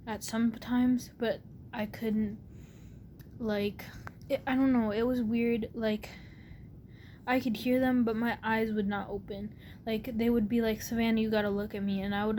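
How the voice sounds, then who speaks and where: A young adult woman telling a personal story casually to camera, rambling and halting, her words slightly muffled by a sore, barely opened mouth. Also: warm tone. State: sore mouth after wisdom tooth removal. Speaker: vlogger. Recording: clear background noise with low rumble.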